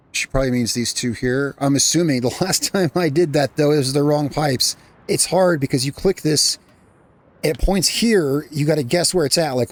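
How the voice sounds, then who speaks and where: A man's voice: a little high, no room sound. A man hosting a gaming channel, talking through his gameplay in a casual, rambling way that often corrects itself midway. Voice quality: rambling, self-correcting, chatty.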